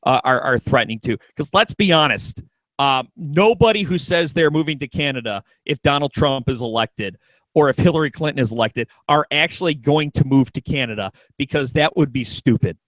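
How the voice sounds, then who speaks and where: A man's voice: mid-range voice, fairly quick, a bit bright, no room sound, rough recording. A man hosting a talk radio show in casual chat, joking around and restarting his sentences a lot. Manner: joking, lots of restarts and stammers.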